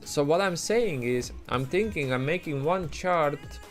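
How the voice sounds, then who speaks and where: An Estonian-accented man gives casual live-stream commentary, chatting loosely with his viewers and answering chat with lots of restarts and fillers. His voice is fairly high and expressive, and he takes his time. Faint music plays in the background.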